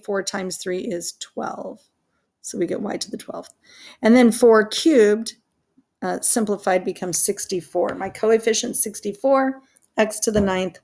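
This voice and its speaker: A woman teaching a math lesson, chatty and self-deprecating, laughing at her own slips as she works through examples. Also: medium pitch. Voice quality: creaky. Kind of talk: recorded worksheet walkthrough lesson.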